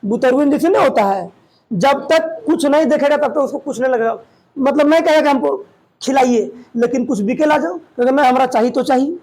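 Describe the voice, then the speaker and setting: A man teaching a class, loudly quizzing students and retelling a story in dialect. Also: extremely high pitch, a little fast, low-quality recording. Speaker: coaching centre teacher. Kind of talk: classroom Hindi lesson with quizzing. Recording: faint room noise and chatter.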